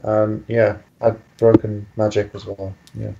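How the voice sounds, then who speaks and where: A man's voice: on the low side, completely flat delivery, a little slow, gravelly, background noise. A man chatting casually in commentary, laid-back and agreeable. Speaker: co-host reviewing a cartoon episode. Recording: dull lo-fi recording.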